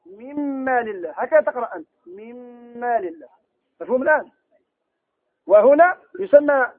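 A man teaching Quran recitation rules in a classroom lesson, quizzing students and then answering his own questions, slowing down to recite verse examples. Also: very high voice, husky, no echo. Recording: tinny phone-like lo-fi recording.

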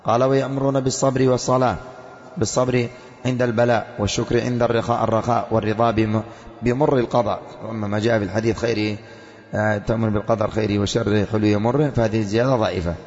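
A man teaching a religious creed text to students, reading passages slowly and then explaining them, asking rhetorical questions and answering them himself. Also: on the low side, level tone, darkish tone. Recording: lo-fi with long reverb in a hall.

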